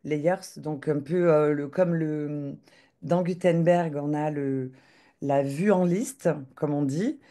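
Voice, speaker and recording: On a video call, a woman runs a live software demo in a low-pitched, slow voice. She speaks hesitantly, full of filler sounds and restarts.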